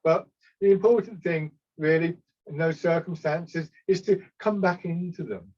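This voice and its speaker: Man, somewhat high voice, calm step-by-step exercise instruction, unhurried, slightly muffled lo-fi recording. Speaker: tai chi instructor. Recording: slightly dull, lo-fi sound.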